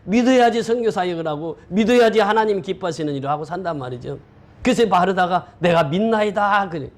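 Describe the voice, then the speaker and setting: A man's voice: high voice, quick pace. A male pastor preaching a sermon, often quizzing the congregation with questions.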